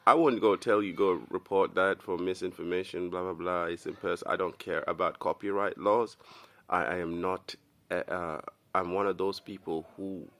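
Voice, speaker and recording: A young Kenyan man with a low, slightly bright voice hosts a commentary video. Speaking to camera, he rambles loosely in a casual monologue, tossing in "bro" as he goes.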